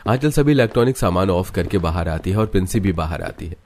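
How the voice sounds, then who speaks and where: A man narrating a cartoon story in an even, scripted storytelling manner. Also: sits low, quick pace.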